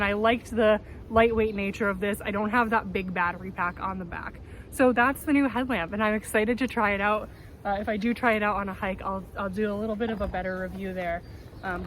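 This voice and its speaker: An upbeat woman talking casually and enthusiastically to viewers as she presents hiking gear. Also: mid-range voice. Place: outdoors in a windy city backyard. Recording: noisy outdoor city ambience, wind and traffic. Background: wind, vehicles, urban outdoor noise.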